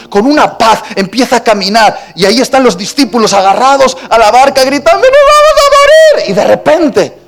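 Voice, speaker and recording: A man from Spain with a Spanish accent preaching a sermon in a church, telling a story with dramatic shifts between shouts and hushed tones. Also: high-pitched. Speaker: pastor. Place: church auditorium.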